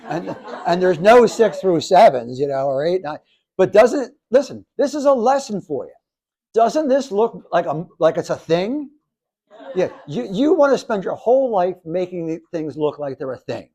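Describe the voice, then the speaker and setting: A man in his seventies, a professor giving a lively, jokey classroom lecture to students, with many restarts. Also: high voice, moderate pace. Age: 70s. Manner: animated, jokey, talks to the audience, restarts often. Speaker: professor and speaker.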